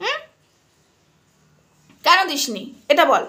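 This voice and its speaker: A woman's voice: sits high, wildly swooping pitch, takes it slowly, sharp tone. A woman vlogger scolding and taunting a rival straight to camera, firing rhetorical questions at her. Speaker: social media vlogger. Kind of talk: angry callout vlog addressed to a rival.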